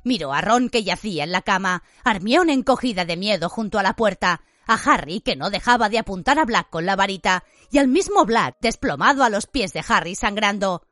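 A woman narrating an audiobook with an expressive storytelling delivery, recorded in a dry studio. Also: medium pitch, brisk, few pauses, dry recording. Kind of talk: scripted narration. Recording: dry studio read with faint music.

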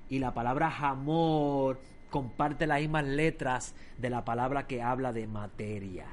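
A man preaching a sermon, telling stories with lively swings between loud emphasis and quiet asides. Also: mid-range voice, unhurried, slight background noise.

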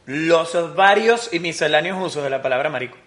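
A man's voice: fairly high pitch, brisk, fairly bright tone. Joking man co-hosting a podcast. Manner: joking, slangy, repeats phrases for comic effect. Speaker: podcast co-host. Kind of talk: casual chat.

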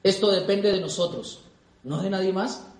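A young man speaks to a live audience in an animated seminar style, repeating his points for emphasis. His voice sits very high for a man. The sound rings in an echoey hall. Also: moderate pace. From Colombia. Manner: animated, repeats for emphasis, acts out quoted people. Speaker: motivational speaker.

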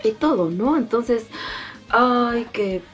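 A woman's voice: a little high, expressive, slow pace, muffled recording, faint music behind. A mother in a casual devotional talk, speaking emphatically and repeating key phrases.

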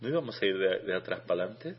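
A man co-hosting a radio show in casual chat, halting and repeating his words as he goes. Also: deep voice, lively intonation, breathy edge. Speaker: radio chess show co-host. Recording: dull lo-fi radio sound.

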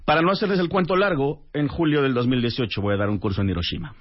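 A man with a Mexican accent, a radio guest, telling a story in a lively way and acting out the voices of the people in it. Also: mid-range voice, fast talker, heavy background noise. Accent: Mexican Spanish. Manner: lively, acts out quoted dialogue. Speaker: guest, translator and author. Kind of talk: animated storytelling. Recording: muffled radio broadcast sound.

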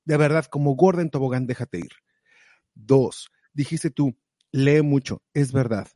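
Animated motivational man, dry close sound. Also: medium pitch, unhurried, no room sound. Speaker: guest sharing advice. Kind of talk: casual conversational advice.

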